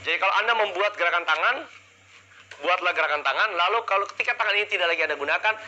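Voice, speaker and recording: A man's voice: high-pitched, very fast, sharp tone, muffled recording. A man leading a live public speaking seminar, energetically drilling the audience with call-and-response questions into a handheld mic. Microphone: handheld microphone.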